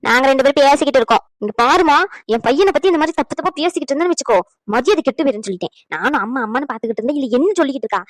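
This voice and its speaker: A woman voicing a sharp-tongued, caring mother-in-law in a cartoon, scolding and coaxing. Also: sits high, lively intonation, no echo, low-quality recording. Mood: indignant. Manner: scolding, fast and bossy. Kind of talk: cartoon dubbing.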